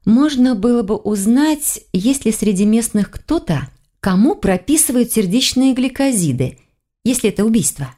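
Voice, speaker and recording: A woman's voice: a little high, lively intonation, normal speed, dark tone, pitched above the performer's own voice. A woman reading an audiobook, voicing a thoughtful young woman who reasons carefully aloud. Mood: pondering.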